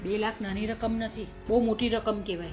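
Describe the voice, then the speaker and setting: In a short-film family drama, an actress plays a stern middle-aged mother grilling her daughter-in-law over her son's missing money. Her medium-pitched, natural voice stays steady and fairly quick as she insistently accuses, listing sums and grievances. Soft music plays behind her.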